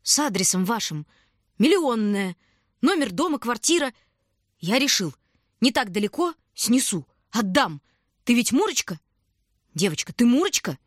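A woman voicing a muddled male stranger who talks in a squeaky voice and mumbles, rambling as if to himself. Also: very animated, measured pace, pauses often, no room sound, clean studio sound. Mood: pleading.

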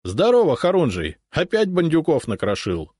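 A man's voice: on the high side, huge pitch swings, normal speed, slightly rough, no room sound, studio quality, voice pushed up, heavily acted. A man doing a hearty Cossack captain. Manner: loud, boisterous greetings.

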